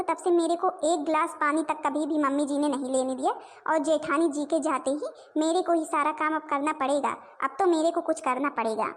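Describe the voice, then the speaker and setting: Sly, lazy young daughter-in-law, played by a woman, whiny, very high-pitched. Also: close to an everyday voice. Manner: whiny, scheming asides. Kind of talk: cartoon voice acting.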